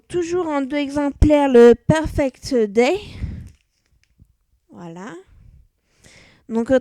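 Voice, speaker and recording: A woman's voice: sits high, warm tone, no room sound. A woman vlogging casually about her purchases, talking hesitantly with many fillers and restarts. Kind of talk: casual product review vlog.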